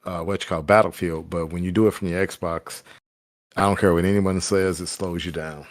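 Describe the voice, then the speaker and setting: A man's voice: sits low, fairly even intonation, fairly quick, no room sound, clean studio sound. A man hosting a casual podcast chat, talking loosely and correcting himself as he goes. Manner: loose, rambling, corrects himself mid-sentence. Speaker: podcast host.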